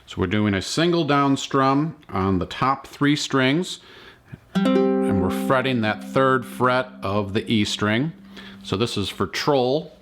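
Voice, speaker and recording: A man walks through a ukulele lesson at an unhurried pace, calmly naming frets and strings one at a time. His pitch sits at an ordinary middle, and his instrument plays loudly under and around his words. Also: over music. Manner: slow, patient instructions between sung demo lines. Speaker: ukulele teacher. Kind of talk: step-by-step music tutorial.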